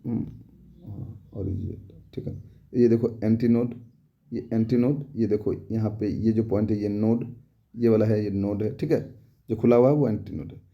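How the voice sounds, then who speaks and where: Recorded in lo-fi sound, a young adult man with a lowish voice and fairly even intonation teaches exam prep at a moderate pace. He keeps things casual and repetitive, using homely examples and often asking rhetorically whether students have understood.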